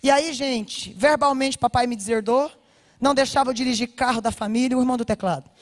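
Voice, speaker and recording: A woman pastor with a Brazilian Portuguese accent giving an animated personal testimony, speaking straight to her listeners. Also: a little high, a little fast, no room sound, clean studio sound. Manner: animated storytelling, addresses listeners directly. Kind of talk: personal testimony told to a congregation.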